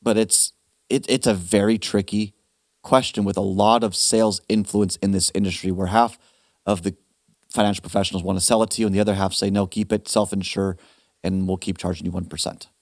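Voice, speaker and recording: A man's voice: fairly low pitch, dry recording, studio quality. Man hosting a retirement webinar. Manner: animated, quick asides and restarts. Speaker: financial planner hosting a webinar. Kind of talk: casual advice talk.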